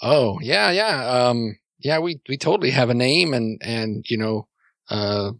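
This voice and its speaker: A man's voice: medium pitch, animated, a little slow, gravelly, fairly bright tone, no echo. Joking man in his twenties at the table. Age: 20s. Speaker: player. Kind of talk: casual chat in a tabletop game.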